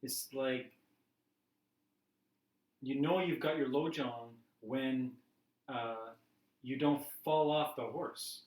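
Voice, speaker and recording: A man's voice: medium pitch, slow pace, long pauses, darkish tone. A man teaching a class in a chatty, laughing way, acting out everyday scenes as examples. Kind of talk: casual teaching talk. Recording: roomy class recording from a distance.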